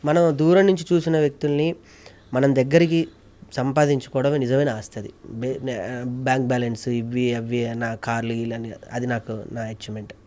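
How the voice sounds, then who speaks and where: A man's voice: medium pitch, steady tone, fairly quick, a little mellow. A male mimicry artist and actor talking earnestly and politely in an interview. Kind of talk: casual interview.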